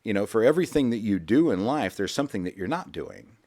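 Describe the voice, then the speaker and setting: Man, deep low voice, rambling folksy radio host, casual talk. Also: expressive, fast, dark tone. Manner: rambling, repeats words, folksy. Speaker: financial radio show host. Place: radio studio.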